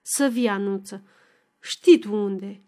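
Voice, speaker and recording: A woman voicing a domineering young village man who speaks in hoarse, commanding bursts. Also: mid-range voice, darkish tone, close to an everyday voice. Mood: insistent.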